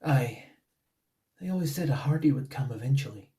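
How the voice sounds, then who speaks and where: A man voicing a small, eerie Scottish man who speaks quietly with a soft, menacing manner. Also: medium pitch, lively intonation, moderate pace, far from the mic, close to an everyday voice.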